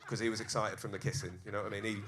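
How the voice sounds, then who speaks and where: A man's voice: fairly low pitch, flat delivery, racing, crowd noise. A man doing a live stand-up set in a comedy club, acting out scenes with crude jokes. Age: 30s.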